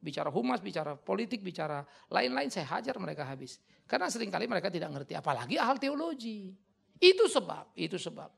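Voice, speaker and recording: A male pastor preaching in a blunt, colloquial, emphatic way, taking questions from the audience and breaking into sudden loud outbursts. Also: high voice, sing-song, quick pace, creaky, husky.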